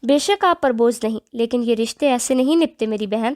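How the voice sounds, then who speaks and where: A woman reading the part of a patient middle-aged mother-in-law in an audio novel, calm and coaxing. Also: on the high side, close to an everyday voice.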